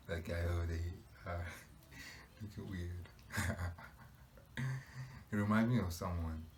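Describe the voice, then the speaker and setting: Deep-voiced man musing in a reaction video. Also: steady tone, takes it slowly, pauses often, a little hiss or hum. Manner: musing, rhetorical questions, frequent fillers and laughs. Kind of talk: casual reaction commentary.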